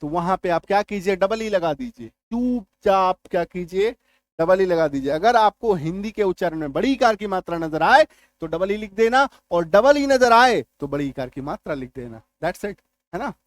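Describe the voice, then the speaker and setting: High-voiced man teaching spelling rules. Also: lively intonation, moderate pace. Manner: drills words aloud, asks students if it is clear. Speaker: English teacher. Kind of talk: spoken lesson on spelling rules.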